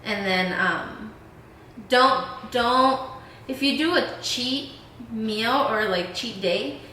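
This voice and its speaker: Host, woman in her late twenties, relaxed Q&A talk with plenty of fillers, crisp bright tone, recorded in a reverberant lounge. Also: a little high, slow, slight background noise. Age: 20s. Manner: casual, many fillers like "um" and "like". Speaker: vlog host. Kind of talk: casual Q&A chat. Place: indoor lounge room. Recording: echoey room.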